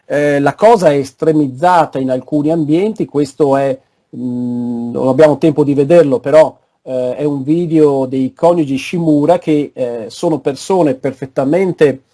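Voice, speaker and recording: Man, lecturer, online video call, slightly high voice, warm tone, hesitant. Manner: halting, frequent searching for words.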